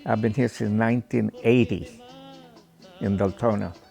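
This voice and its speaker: A man's voice: on the low side, fairly even intonation, a little slow, creaky, dark tone, soft background music. A man, recalling family history plainly and with some hesitation. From Ecuador. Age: 80s. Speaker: interviewee. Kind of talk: reminiscing interview.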